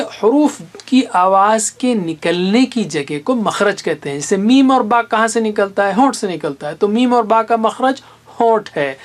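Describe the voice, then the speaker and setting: Slowly pronouncing single letters and syllables as examples, a man patiently teaches Quran recitation in a classroom. His voice is pitched high.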